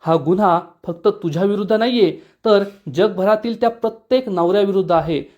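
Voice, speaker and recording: A man's voice: high-pitched, brisk, a little mellow, close to an everyday voice. A man reading the lines of a fierce young wife who angrily lectures the villain. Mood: angry lecturing. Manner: angry, lecturing. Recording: dull lo-fi recording.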